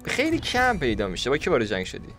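A young man casually commentating a video game he plays, joking, chatting to the game characters and sometimes bursting into shouts. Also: medium pitch, wildly swooping pitch, soft background music. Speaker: gaming YouTuber. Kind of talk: casual Let's Play commentary.

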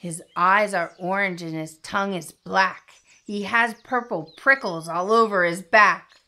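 A woman voicing a small, clever brown mouse in a storybook read-aloud, chirpy and excitable. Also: mid-range voice, unhurried. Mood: boastful.

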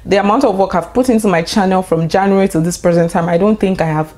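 A young woman talking casually to camera in a vlog, chatty and excitable, with lots of fillers and bursts of laughter. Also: mid-range voice, fast. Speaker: YouTuber.

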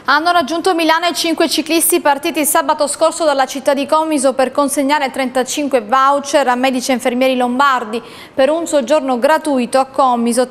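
A woman reading news headlines in a brisk, formal way. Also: sits high. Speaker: news anchor.

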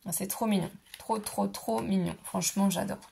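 A woman's voice: mid-range voice, fairly even intonation, moderate pace, creaky, mellow, a little hiss or hum. A woman vlogger showing off a scrapbooking haul in a casual, gushing way, her voice a bit worn. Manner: gushing, enthusiastic, repeats "trop mignon". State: voice going, clearing throat. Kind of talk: casual product haul show-and-tell.

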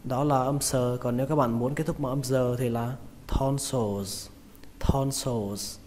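Vietnamese man drilling pronunciation slowly. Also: medium pitch, little pitch movement, a little mellow. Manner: repeats each word slowly, stressing syllables. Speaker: English teacher. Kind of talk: pronunciation lesson. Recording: reverberant room with faint noise.

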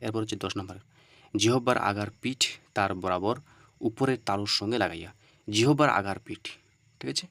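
A man teaching Arabic letter pronunciation step by step. He often asks and answers his own questions and repeats the letter sounds loudly. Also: lowish voice, fairly quick, gravelly, no echo.

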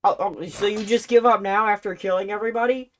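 A man's voice: high voice, steady tone, fast, a bit bright. A man hosting a gaming video, joking and exclaiming through casual banter with his friends. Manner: goofy, exclamatory, jokey.

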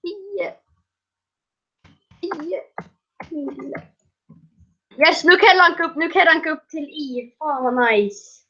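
A woman doing casual gaming commentary, excitable and prone to loud shrieking laughter. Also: high-pitched, muffled recording. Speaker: gaming video creator.

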